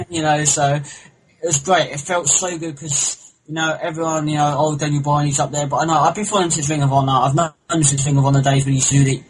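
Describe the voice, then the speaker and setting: A young man chats on a homemade podcast, rambling and excitable, dropping swear words freely. His voice sits a touch high. A clear hiss runs under the recording. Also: a little fast. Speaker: podcast co-host. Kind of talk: casual chat. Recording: noisy home recording.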